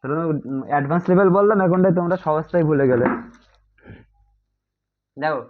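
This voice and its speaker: Man, grammar teacher, high-ish voice, chatty, keeps checking in with students, phone-like sound. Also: brisk. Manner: chatty, keeps asking "ঠিক আছে?"; addresses students as "bhai", mixes English terms. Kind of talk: online exam-prep class. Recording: tinny phone-like audio.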